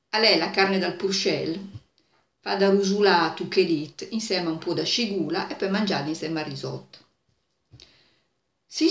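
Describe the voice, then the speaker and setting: Older woman storyteller in Milanese dialect, echoey room. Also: on the low side. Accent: Milanese Italian dialect. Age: 60s or older. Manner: expressive, acts out characters' exclamations. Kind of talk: animated folk storytelling in dialect. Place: small bare indoor room. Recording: roomy, echoey indoor sound.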